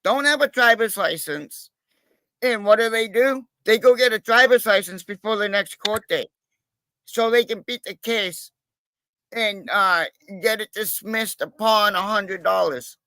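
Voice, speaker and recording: A man with a fairly high voice rambles through a casual livestream chat, swearing freely and leaning on fillers. The sound is dry and close, with no room around it. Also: measured pace, pushed and bright, no echo. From Massachusetts, USA. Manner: rambling, profane, with many fillers. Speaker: livestream guest, cop watcher.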